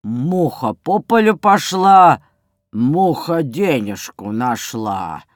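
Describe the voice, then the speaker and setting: A man's voice: mid-range voice, expressive, extremely slow, clear, resonant tone, no room sound, clean studio sound. An actor playing a lazy mustached kiosk seller in a children's story, who drawls his words and teases in sing-song rhymes. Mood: teasing. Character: lazy mustached kiosk seller, middle-aged man, rhyming joker.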